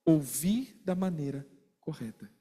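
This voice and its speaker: A man preaching a sermon, animated, asking his listeners questions and acting out little exchanges. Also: fairly high pitch, a little slow, husky, big-room sound. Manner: animated, asks the congregation questions and acts out quarrels.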